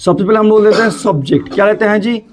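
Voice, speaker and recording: A man's voice: sits high, fast, a crowd in the background. A male teacher giving a classroom grammar lesson, drilling students with repeated questions and answers. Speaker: English teacher.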